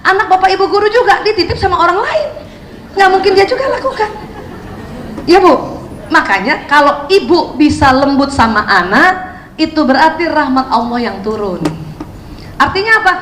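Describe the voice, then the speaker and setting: A high-pitched woman speaks to a hall full of mothers. She is lively and chatty, and she acts out little scenes between mother and child. The room echoes, with faint ambience behind her. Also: moderate pace, a little hiss or hum. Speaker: parenting speaker. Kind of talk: talk to an audience of mothers. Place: hall with an audience.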